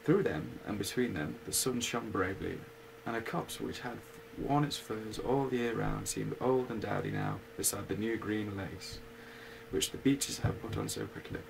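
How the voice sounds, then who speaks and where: A man reading a bedtime story aloud at an unhurried pace, with casual asides. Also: fairly low pitch, creaky, background noise. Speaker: reader.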